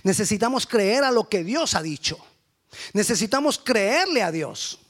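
A man's voice: high-pitched, big pitch swings, normal speed, a bit bright. A man preaching a sermon with fervent, repetitive rhetorical questions.

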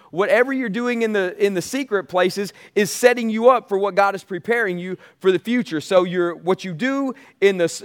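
An American man preaching as a pastor, urging his listeners on and repeating key phrases for emphasis. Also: high voice. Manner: exhortative, calls on listeners to say amen. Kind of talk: sermon.

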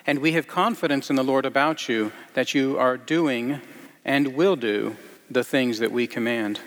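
A man reading scripture and then preaching a sermon in a halting way, with many fillers and restarts. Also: mid-range voice, a bit bright, big-room sound. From grew up partly in Iceland.

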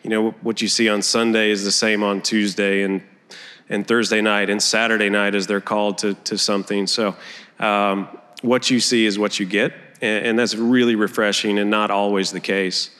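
A man speaking as a church elder, informally sharing reflections with a congregation in a halting way. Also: lowish voice, level tone, a bit bright, clear, resonant tone. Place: large indoor church gathering room. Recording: reverberant hall, amplified speech.

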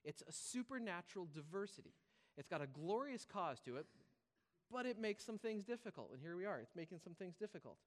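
A man with a high voice, swinging widely in pitch and speaking fairly quickly, preaches a conversational, informal sermon as a pastor and repeats key phrases for emphasis. He is preaching live to a congregation in a large, reverberant room, and the recording carries the hall's reverb.

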